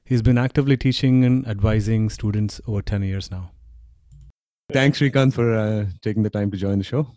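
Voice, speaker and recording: A man's voice: fairly low pitch, moderate pace, warm tone, dry recording, studio quality. A man hosting a podcast, asking friendly, curious questions and laughing along. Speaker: podcast host. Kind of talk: casual interview chat.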